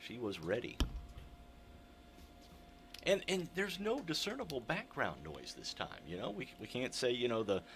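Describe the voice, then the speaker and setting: A man's voice: medium pitch, huge pitch swings, normal speed, pauses often, noisy background. A man hosting a live local radio call-in contest, chatting casually in a folksy, rambling way with dry humor. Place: radio studio.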